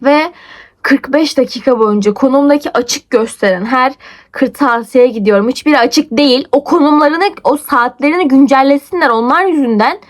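A young woman vlogger telling a story in a casual, rapid, breathless way, her pitch swinging up and down. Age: young adult.

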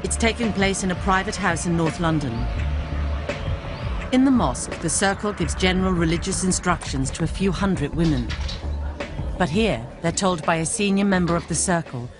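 A woman's voice: lowish voice, expressive. Serious woman narrating a documentary. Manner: measured, serious. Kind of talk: scripted narration. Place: studio voice-over. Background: music.

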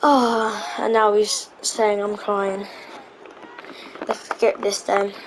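A woman's voice: medium pitch, flat delivery, extremely slow, background noise. A woman giving casual, hesitant commentary on her own gameplay, thinking aloud with lots of ums. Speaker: gaming channel host.

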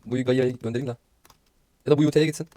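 A young man giving casual, excitable commentary over his gameplay, swearing often and laughing nervously. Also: medium pitch, fast. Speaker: gaming YouTuber.

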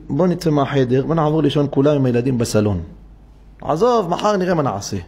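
A man's voice: mid-range voice, gravelly, a little mellow, slightly rough. A man preaching as a rabbi in a synagogue, telling a story and acting out each character's voice with animation. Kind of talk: sermon storytelling.

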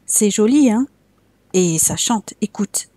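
A woman's voice: mid-range voice, animated, takes it slowly, dark tone, no room sound. A woman voicing a cunning grown-man gendarme in a storybook tale who coaxes a child in a falsely friendly way. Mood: coaxing.

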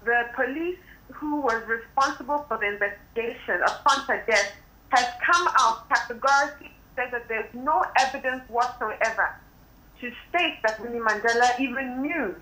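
Phone-in guest, female, high-ish, impassioned delivery, echoey phone-line audio. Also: moderate pace, pushed and bright. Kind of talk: phone-in commentary. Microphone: telephone.

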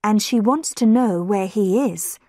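Woman playing a calm lady detective. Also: medium pitch, dry recording, studio quality, natural voice. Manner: slow, deliberate speech.

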